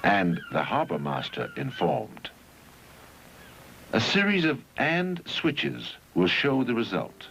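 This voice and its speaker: This man's fairly low voice swings hugely in pitch as he narrates a scripted 1971 educational film, measured, didactic and deliberately phrased. The recording is low quality.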